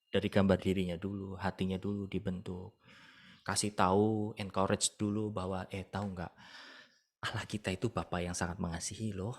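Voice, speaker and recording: A man leading an online discipleship class, teaching casually and emphatically, with rhetorical questions. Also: lowish voice.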